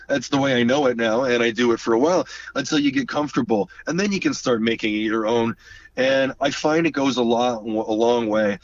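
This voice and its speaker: A male drummer recounts his career in a relaxed, animated interview voice. He slips into quick impressions of the people he quotes. The sound is muffled and set back from the microphone. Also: medium pitch, a little hiss or hum. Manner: animated storyteller who acts out quoted voices and hums drum rhythms. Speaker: guest drummer. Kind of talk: casual storytelling interview. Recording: distant dull lo-fi mic.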